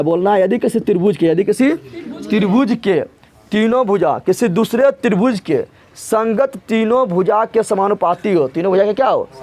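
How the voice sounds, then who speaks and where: A man's voice: sits high, a little mellow. A man teaching math to a live class, repeating key words three times and asking the class to echo them back. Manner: repetitive call-and-response questioning. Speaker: math tutor.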